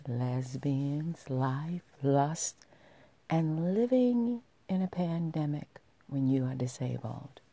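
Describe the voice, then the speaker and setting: Female podcast host, sultry narrator style: soft, mellow, slow and deliberate. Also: rumbling low.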